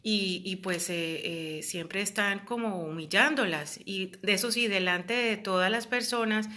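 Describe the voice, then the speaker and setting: A woman's voice: mid-range voice, unhurried, sharp tone. A woman, talking earnestly and casually as a host, with many fillers and quoted voices. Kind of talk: casual talk about psychological abuse.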